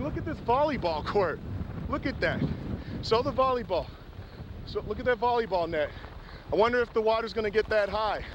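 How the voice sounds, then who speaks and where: A male field reporter giving an urgent, excited live storm report outdoors, shouting over wind and waves. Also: very high voice. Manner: urgent, excited, talking to camera operator. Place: outdoors on a storm-battered pier and shore. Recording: loud wind and water noise. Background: wind, pounding waves.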